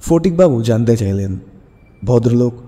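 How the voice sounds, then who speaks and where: Over a music bed, with heavy, lingering reverb, a man hosts and narrates scripted dramatic prose. His medium-pitched tone is deeply dark and mellow, delivered expressively and at an even, moderate speed.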